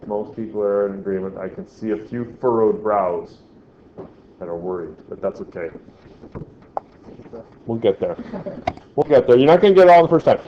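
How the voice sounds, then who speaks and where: A man's voice: on the low side, expressive, a little fast, slight background noise. A male teacher giving a classroom lecture, joking with the class and often checking in with "right?". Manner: jokey, keeps checking in with "right?". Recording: echoey, dull lo-fi classroom recording.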